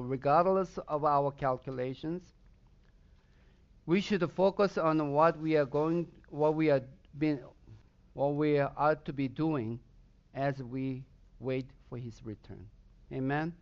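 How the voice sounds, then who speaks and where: A pastor from Southern Sweden, a native Swedish speaker, preaches a sermon in a Swedish accent with emphatic bursts of intensity. His voice is a little high and the recording is muffled.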